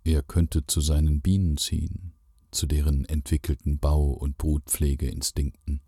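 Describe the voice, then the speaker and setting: A man reading a first-person literary story aloud in a calm, measured way. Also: very deep voice, slightly rough, no echo, studio quality. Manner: calm, measured storytelling with lively quoted lines. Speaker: narrator.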